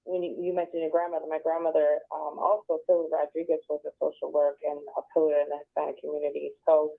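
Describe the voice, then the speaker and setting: A middle-aged woman from Buffalo, New York, speaking as a guest in a radio interview on a phone line, soft-spoken and reflective, with hesitant restarts. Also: sits low, flat delivery, fast, vocal fry. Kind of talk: conversational interview. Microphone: phone call.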